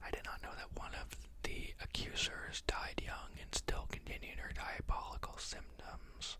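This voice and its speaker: An ASMR host with a teaching bent reads from a book and then thinks aloud, whispering softly and without hurry. Pauses and fillers come often.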